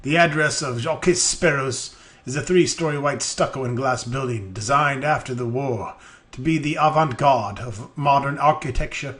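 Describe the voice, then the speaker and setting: A man reading a game's narration aloud in a deadpan delivery, breaking in with profane, mocking jokes as a let's player. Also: mid-range voice, moderate pace. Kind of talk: reading game text aloud with crude jokes.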